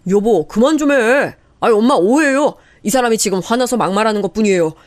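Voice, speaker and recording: A woman's voice: fairly high pitch, lively intonation, brisk, natural voice. A woman voicing a flustered younger man pleading with his wife and mother in a radio story drama.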